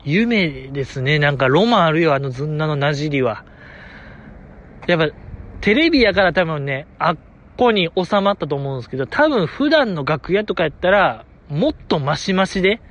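A young man with a Kansai accent talks alone as a chat host, rambling with a fan's eagerness. His voice sits fairly high and swings widely up and down. The talk is loose and unscripted. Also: fairly bright tone, highs cut off. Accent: Kansai Japanese. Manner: rambling, enthusiastic fan commentary. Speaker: podcast host. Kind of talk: casual solo chat.

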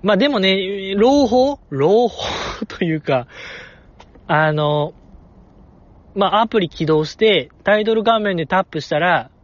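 A man with a Kansai accent, hosting a casual chat and reading listener messages, talking in excitable, exaggerated bursts. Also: high voice, unhurried, long pauses, dull audio.

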